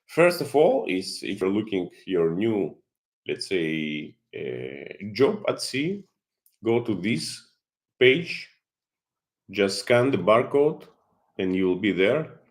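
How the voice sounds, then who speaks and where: Man, very low voice, unhurried, live stream host, halting with fillers. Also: sing-song. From Kazakhstan. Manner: halting, many fillers and restarts. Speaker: channel host, marine consultant. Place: home in Greece.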